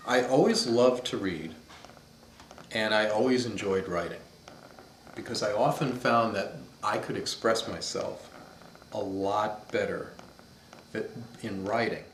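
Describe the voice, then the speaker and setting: Fifties guy from upstate ny telling childhood stories, deep voice, bit of room echo and hiss. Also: unhurried, pauses often. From upstate New York, USA. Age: 50s. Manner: thoughtful, storytelling, searches for words. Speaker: interviewee. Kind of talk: reminiscing interview. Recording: echoey room.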